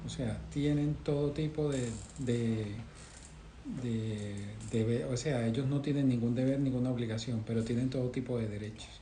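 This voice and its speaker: A man's voice: medium pitch, fairly even intonation, moderate pace, mellow, slight background noise. A man in a church Bible study discussion, searching for words with many fillers. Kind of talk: group discussion. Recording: roomy recording.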